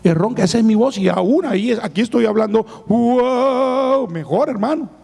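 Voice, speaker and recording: Raspy, gravelly-voiced preacher man. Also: very high voice, normal speed, a little mellow. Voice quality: hoarse, raspy voice. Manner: emphatic, addresses listeners as brother. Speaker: pastor. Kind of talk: sermon testimony. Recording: long hall reverb.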